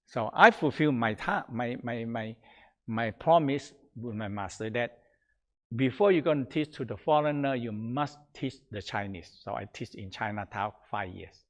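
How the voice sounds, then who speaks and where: A man leading a Taoist breathing exercise and teaching, calm and repetitive, often trailing off softly at the ends of phrases. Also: medium pitch. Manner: slow, calm, repetitive, chanting phrases in a dropping soft voice. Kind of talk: guided breathing exercise instruction.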